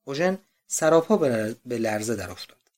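A man narrating a novel with measured, expressive reading. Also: mid-range voice. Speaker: audiobook narrator. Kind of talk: scripted literary narration.

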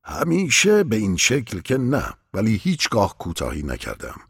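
A man voicing a calm, mysterious old man who patiently explains things to a young shepherd in an audiobook story. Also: lowish voice, creaky, breathy edge, dry recording, studio quality, voice pushed up, full character voice. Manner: patient, instructive.

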